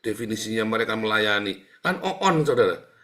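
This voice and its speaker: A man preaching a sermon. He talks to his listeners like a chatty teaser, breaks into sound-effect words, and swings between booming outbursts and soft asides. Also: expressive, fairly quick. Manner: addresses listeners as "saudara", chatty and teasing. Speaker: pastor.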